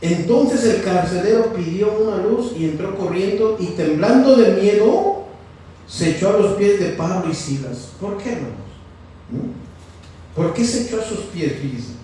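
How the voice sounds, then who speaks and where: A high-voiced man preaches a sermon in a church hall, constantly quizzing his listeners and repeating "fíjese". He is heard from far off, with heavy echo and faint ambient noise. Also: animated, unhurried, warm tone. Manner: questioning the congregation, repeating "fíjese". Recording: very echoey, from far off.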